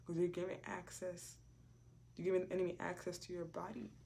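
Woman preacher, low gravelly voice, chatty testimony-style delivery with hushed asides. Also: completely flat delivery, a little fast, a little hiss or hum. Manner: conversational and repetitive, with many "like" fillers and hushed asides. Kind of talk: casual preaching and personal testimony.

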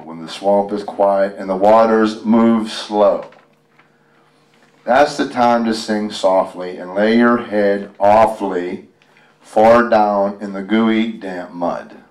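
A guest storyteller and tribute performer with a fairly low, slightly mellow voice reads a picture book slowly at a public library event, adding casual, ad-libbed commentary in a folksy way. He speaks through a handheld mic. The space sounds roomy and echoing, and the mic pickup is distant.

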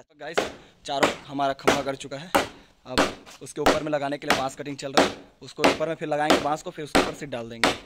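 A man's voice: a little high, very noisy. A young man from West Bengal, chatting directly to viewers while filming himself on a phone held at arm's length in an outdoor backyard. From West Bengal, India. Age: young adult. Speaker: vlogger. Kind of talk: casual vlog narration.

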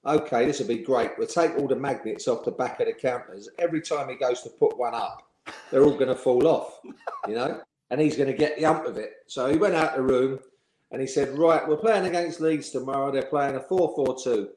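A former footballer in his sixties, appearing as an interview guest, tells anecdotes from his playing days at a fairly quick pace. His middle-pitched voice is lively and easy, chuckling at his own stories and mimicking the people he quotes. The recording has the noticeable echo of a bare room.

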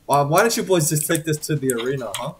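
A man's voice: on the high side, expressive, fast. A young man hosting a casual game let's play with friends, chatty and laid-back. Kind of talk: casual gaming commentary. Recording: noisy mic with keyboard clicks.

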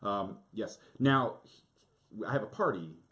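Animated joking male podcast co-host. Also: on the low side. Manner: joking, animated, quick asides. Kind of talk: casual chat.

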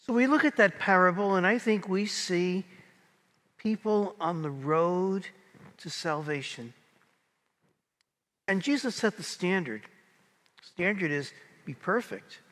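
A man's voice: high-pitched, expressive, slow, pauses often, a bit bright. An older male priest delivers scripture and preaching in a solemn manner. His voice rings with long cathedral echo in a large church. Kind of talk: solemn scripture reading and homily. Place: large indoor church sanctuary.

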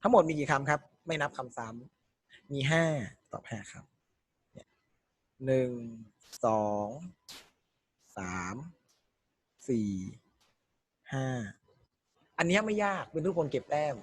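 A man's voice: mid-range voice, expressive, a little slow, pauses often, fairly bright tone, breathy edge, dry recording. A man teaching an exam-prep language lesson, working through questions step by step and quizzing his students as he goes. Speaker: Thai language tutor.

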